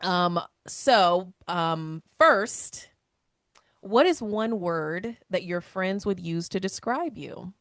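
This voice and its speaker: A woman's voice: lowish voice, animated, drawn-out words, fairly bright tone, no echo, clean studio sound. A woman hosting a podcast interview, asking questions casually with many fillers. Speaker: podcast host.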